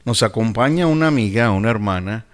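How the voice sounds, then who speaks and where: A man's voice: fairly low pitch, expressive, brisk. Friendly male radio host. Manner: friendly, informal interviewer. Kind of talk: radio interview.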